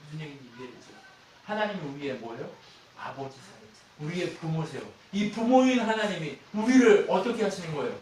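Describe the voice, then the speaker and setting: A male pastor preaching a sermon, shifting from loud emphatic exclamations to soft asides and asking the congregation questions. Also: fairly high pitch, expressive, fairly quick, heavy reverb, far from the mic, a little hiss or hum. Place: church sanctuary.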